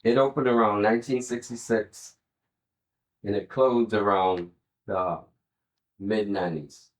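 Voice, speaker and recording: A man's voice: on the low side, steady tone, unhurried, low-quality recording. A man giving an oral history interview, sharing recollections as an interviewee.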